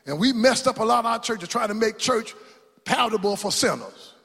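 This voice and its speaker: A man preaching a sermon as pastor, rising into shouts and call-and-response in a church. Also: high-pitched, expressive, brisk, vocal fry, husky. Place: church sanctuary. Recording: long hall reverb.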